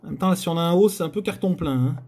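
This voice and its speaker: Scratching cards on video, the male host keeps up chatty, theatrical commentary aimed at his viewers, with frequent groans. He talks at a racing pace in a husky voice that sits on the high side and has a darkish tone.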